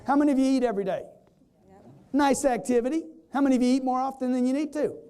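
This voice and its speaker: A man giving an energetic live sales seminar, quizzing the audience and acting out customers in quoted voices. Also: extremely high pitch, fast, clear, resonant tone. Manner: energetic, repetitive, keeps quizzing the crowd. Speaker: sales trainer.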